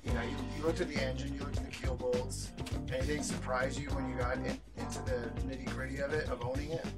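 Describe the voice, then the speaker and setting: A man's voice: mid-range voice, little pitch movement, fast, loud music behind the voice. A man interviewing someone casually, asking questions and giving short responses. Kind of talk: casual chat.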